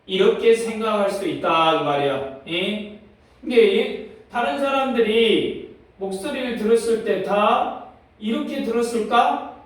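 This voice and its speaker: A male English teacher working through an exam reading passage. He reads the English lines slowly and explains them in Korean with quick rhetorical questions. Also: sits high. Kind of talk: exam passage walkthrough lesson. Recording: echoey room, mic at a distance.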